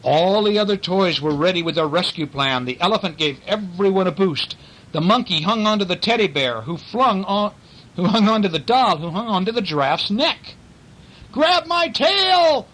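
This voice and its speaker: A man reading a bedtime story aloud to his young child at home, pausing gently to ask questions about the pictures. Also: high voice, animated, rough recording.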